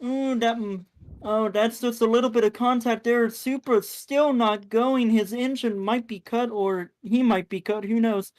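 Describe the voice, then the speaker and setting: A woman's voice: fairly high pitch, steady tone, unhurried, darkish tone, dry recording. A woman commentating a live sim race in a chatty way, often correcting herself mid-sentence.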